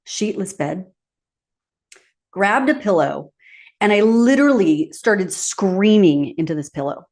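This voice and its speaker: Podcast host, woman, slightly low voice, animated storyteller who laughs often. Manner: animated, laughing storyteller who acts out her own quotes. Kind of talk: personal storytelling monologue.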